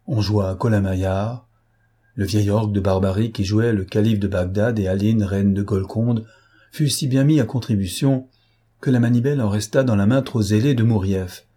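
A man reads a classic novel aloud in a measured, steady storytelling manner. His voice sits low and dark, with a mellow, slightly husky grain. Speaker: audiobook narrator. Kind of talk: scripted literary narration.

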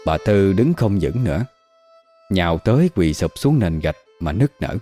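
A man giving scripted horror narration in a dramatic, expressive way. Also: deep voice, moderate pace, faint music behind.

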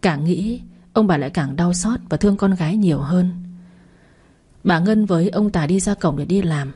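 A woman narrating a scripted family drama story in a steady, measured way. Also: lowish voice, breathy edge.

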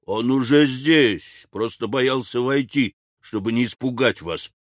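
A male audiobook reader voicing a scheming, level-headed young man who speaks in a low, measured, conspiratorial way. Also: no echo, clean studio sound, natural voice. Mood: stern. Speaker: audiobook character. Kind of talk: audiobook character reading.

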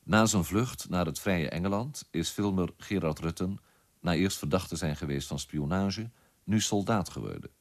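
A man reading scripted documentary narration in a measured, formal way. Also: sits low.

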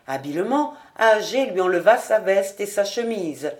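A woman narrating a literary audiobook in a measured, clear reading voice. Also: medium pitch, animated, a little mellow. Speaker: audiobook reader.

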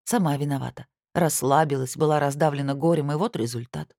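A woman's voice: low voice, brisk, gravelly, dark tone, no echo, studio quality. A woman reading a first-person fantasy audiobook, narrating expressively. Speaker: audiobook reader.

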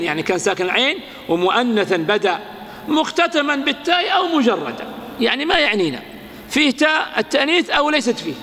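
A man teaching an Arabic grammar lesson, asking his listeners rhetorical questions and reciting lines of verse slowly. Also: high voice, a bit bright, long reverb tail.

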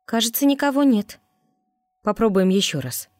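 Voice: medium pitch, sing-song, moderate pace, darkish tone, no echo, studio quality, voice pushed up, lightly acted. A snappish young princess, as a reader puts her on. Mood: uncertain. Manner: snappish, grumbling. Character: sharp-tongued young princess. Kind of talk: audiobook character voice.

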